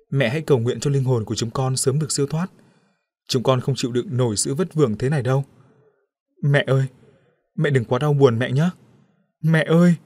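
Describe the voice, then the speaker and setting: A man's voice: medium pitch, a little mellow, no room sound, natural voice. A man voicing the ghost of a young woman who speaks faintly and pleadingly in a storybook reading.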